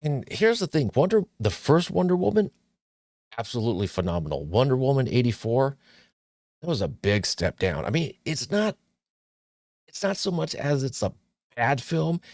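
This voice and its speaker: A man hosts his own movie talk show, chatting casually, joking, rambling, and often restarting with fillers. His medium-pitched voice is very animated, a little mellow and moderately paced, with clean studio sound and no room echo.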